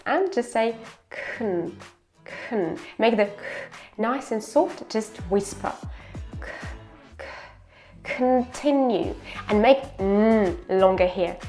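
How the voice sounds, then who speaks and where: Slow, careful woman pronunciation teacher. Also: medium pitch, a little mellow, soft background music. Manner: models each word twice, then explains the mouth position.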